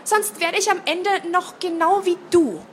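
Woman doing a freaked-out teen girl, pleading, high voice, bit of room hum. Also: moderate pace. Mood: agitated. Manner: agitated, pleading. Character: teenage girl, panicked, grumpy, suddenly bearded. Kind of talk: reading aloud.

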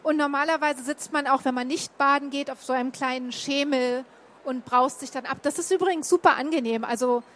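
High-voiced chatty woman from Berlin. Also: brisk, a bit bright. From Berlin, Germany. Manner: chatty, many fillers and restarts. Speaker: guest telling of a stay in Japan. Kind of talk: casual talk showing slides.

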